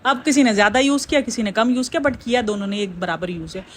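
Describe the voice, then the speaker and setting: A woman's voice: on the high side, quick pace, slight background noise. Blunt opinionated woman reaction vlogger. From Pakistan. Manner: blunt, opinionated, talks straight to viewers. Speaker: reaction YouTuber. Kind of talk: casual reaction commentary.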